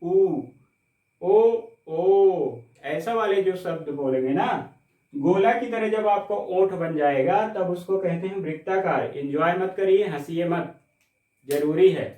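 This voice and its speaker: A man teaching a Hindi grammar class, explaining step by step, checking with the class, and stretching out sounds slowly to demonstrate them. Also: high voice, darkish tone, recorded from a distance. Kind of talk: classroom lecture. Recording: echoey room, mic set back.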